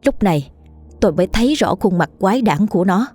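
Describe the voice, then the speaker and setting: A woman's voice: mid-range voice, lively intonation, fast talker, dark tone, no echo. Woman narrating a horror tale over music. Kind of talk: scripted horror story narration.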